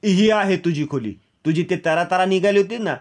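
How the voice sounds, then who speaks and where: A woman's voice: fairly low pitch, a little fast, a little mellow, voice pushed up, close to an everyday voice. A man reading the lines of a wronged young wife from a TV serial, pleading and stubborn by turns. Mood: hurt, firm. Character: wronged young wife, hurt but standing firm.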